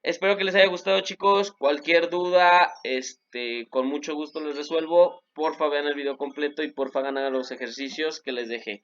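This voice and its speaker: A young Mexican man with a Mexican Spanish accent, a French teacher patiently explaining a recorded online lesson, repeating examples slowly with fillers. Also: fairly high pitch, fairly even intonation, fairly bright tone. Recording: slightly dull lo-fi recording with faint noise.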